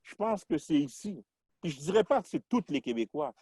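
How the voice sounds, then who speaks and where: On a casual podcast, a man from Quebec reflects on his identity, speaking haltingly and frequently restarting his sentences. His voice is a little high and dark-toned with a breathy edge, and he is very animated. The recording is clean studio sound with no room echo.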